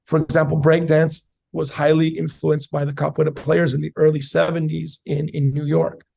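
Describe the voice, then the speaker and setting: Gravelly, slightly high man in his forties from San Diego, a guest who explains things with an academic manner and many fillers. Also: flat delivery, normal speed, darkish tone. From South San Diego, USA. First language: Spanish and English. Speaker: capoeira master, guest. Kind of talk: casual interview answers.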